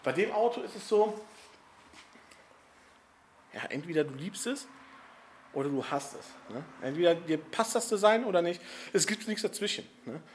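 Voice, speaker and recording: Male garage vlogger, high-pitched, easygoing chatter, faint noise floor. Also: animated, moderate pace, long pauses. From Italian family background. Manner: chatty, laughs often, frequent "ne?" tag questions. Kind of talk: casual chat.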